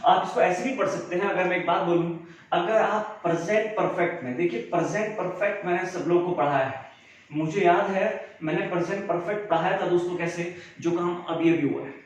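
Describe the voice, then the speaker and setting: A man's voice: high-pitched, fairly quick. A man teaching an English grammar lesson, who explains by repeating himself and asking the students questions. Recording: very echoey room, faint background noise.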